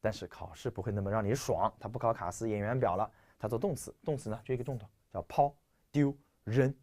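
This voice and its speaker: A man's voice: fairly low pitch, fast talker, mellow. A man from China teaching English vocabulary in a lecture, explaining with rhetorical questions and a stuffy nose. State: stuffy nose, clearing throat.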